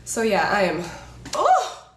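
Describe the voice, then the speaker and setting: A woman's voice: medium pitch, huge pitch swings, takes it slowly, reverberant. A woman in her twenties chatting casually to camera, joking and laughing often. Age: 20s. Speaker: beauty vlogger. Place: indoors, a room in Los Angeles.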